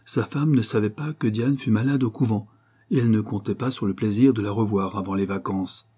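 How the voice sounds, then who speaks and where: A man narrating a classic novel as an audiobook at a measured, steady pace. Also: on the low side, slightly rough.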